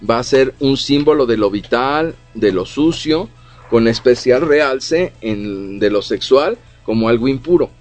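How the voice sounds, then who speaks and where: A middle-aged radio co-host explains things at length in a casual chat about psychology, his speech peppered with fillers like "o sea" and "¿no?". His medium-pitched voice has lively intonation and a measured pace, with faint music behind him.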